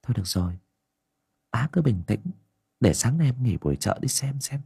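A man voicing a worried younger village woman who talks in a hushed, confiding way. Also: on the high side, very animated, vocal fry, husky, dry recording, clean studio sound, pitched above the performer's own voice, heavily acted. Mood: soothing. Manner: hushed, rushing whisper, anxious.

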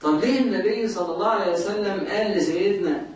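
Fast-talking Egyptian man lecturing in an echoey room. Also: high-pitched, recorded from a distance. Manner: asks the class questions and answers them himself. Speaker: teacher of Islamic jurisprudence. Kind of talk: lecturing a class.

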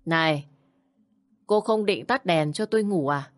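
A woman's voice: lowish voice, a little slow, dry recording, studio quality, natural voice. A woman voicing a bossy, contemptuous older mother-in-law who scolds and sneers. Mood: scolding.

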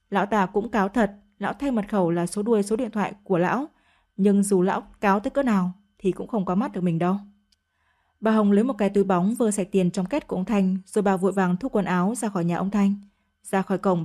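Woman, audio story narrator, steady delivery, warm mellow voice. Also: mid-range voice.

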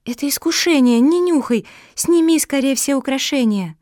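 A woman voicing an earnest young female dog who speaks high and urgent. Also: normal speed, mellow, no room sound, clean studio sound, close to an everyday voice. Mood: alarmed.

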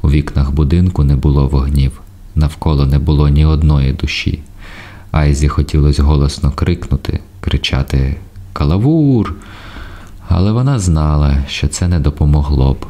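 A man reading a literary audiobook in a measured, even way. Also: rumbling low. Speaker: audiobook narrator.

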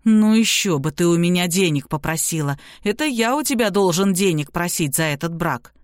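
A woman's voice: on the low side, expressive, moderate pace, no room sound, studio quality, close to an everyday voice. A woman voicing a callous young man who speaks in a scornful, dismissive way.

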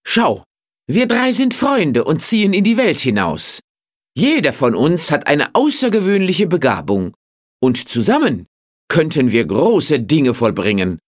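A woman's voice: low-pitched, measured pace, full character voice. A woman voicing a polite, enthusiastic young soldier in a fairy tale. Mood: admiring. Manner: lively, enthusiastic.

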